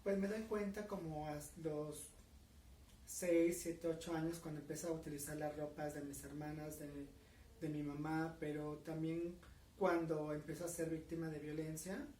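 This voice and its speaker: In a recorded interview, this Mexican woman in her forties answers earnestly and deliberately, using many fillers, in a deep, warm voice with a Mexican Spanish accent. The mic sits at a distance in an echoey room, with slight background noise.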